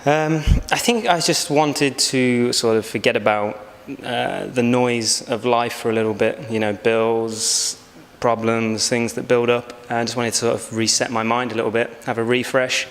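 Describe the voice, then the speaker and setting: A man's voice: medium pitch, steady tone, fairly bright tone. A man, giving reflective, hesitant interview answers. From England. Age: 20s. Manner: reflective, unhurried, hesitant with many fillers. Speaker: backpacker interviewee. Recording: long hall reverb.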